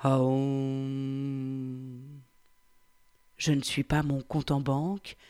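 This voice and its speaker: A woman reading the part of a 47-year-old Frenchman, reciting in a slow, hushed, meditative way. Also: deep voice, steady tone, voice pushed down. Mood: contemplative. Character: 47-year-old French man, pondering who he is. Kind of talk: reading a novel aloud.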